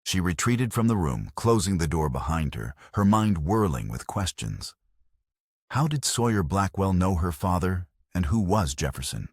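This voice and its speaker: Deep husky guy reading a western story, slow and even, dry close mic. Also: no room sound. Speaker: narrator. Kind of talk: scripted storybook narration.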